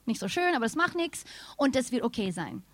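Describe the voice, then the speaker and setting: Animated woman preaching, German. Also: a little high, brisk, no room sound. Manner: animated storytelling, addresses congregation directly. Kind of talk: sermon with personal story.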